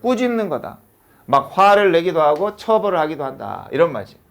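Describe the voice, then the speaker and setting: This man teaches high school English, and his fairly high, creaky voice moves along quite quickly. Animated in front of his students, he keeps posing rhetorical questions in succession.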